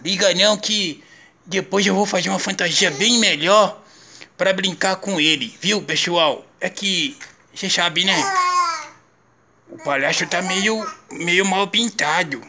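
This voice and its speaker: A young Brazilian father in clown makeup, talking playfully to viewers and coaxing his small son, laughing often and jumping into high sing-song calls. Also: a little slow, pushed and bright, a little hiss or hum. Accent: Brazilian Portuguese. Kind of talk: casual home video talking to viewers. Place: at home with a small child.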